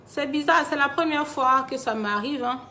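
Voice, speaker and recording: A woman's voice: sits high, normal speed, sharp tone, slight background noise. A woman, chatting on a phone livestream to followers she calls her babies, turning sombre and reflective when she talks about loss. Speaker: live streamer talking to her followers. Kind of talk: casual live-stream chat.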